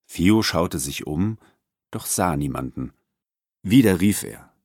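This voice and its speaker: A man narrating a chapter of a storybook with an expressive, lively delivery. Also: sits low, slow, no echo. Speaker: audiobook narrator. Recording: dry close recording.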